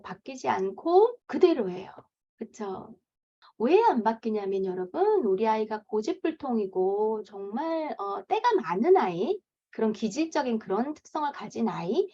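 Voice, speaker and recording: A woman's voice: a little high, darkish tone. A woman in her thirties, a parenting coach, giving a lecture and acting out parents' lines in a raised voice. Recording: dull lo-fi lecture recording.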